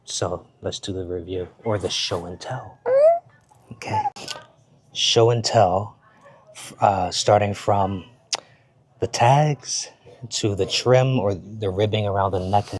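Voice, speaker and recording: A man giving a casual show-and-tell of sports jerseys at home, talking in an unhurried, halting way and repeating words. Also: lowish voice. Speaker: jersey reviewer. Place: home, with his baby nearby.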